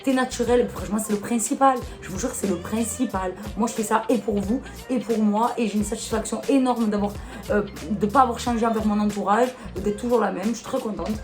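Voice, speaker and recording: A woman's voice: medium pitch, fairly quick, faint music behind. A woman with a Marseille accent, casually talking to camera in a vlog and answering comments in a blunt, exasperated way. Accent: Marseille French. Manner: blunt, exasperated, fond of rhetorical questions. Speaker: YouTuber.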